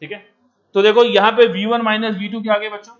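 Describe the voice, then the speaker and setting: A man teaching physics in an empty classroom, energetic and coaxing, mixing English terms into Hindi and pressing students to answer. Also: high voice, quick pace, lo-fi sound.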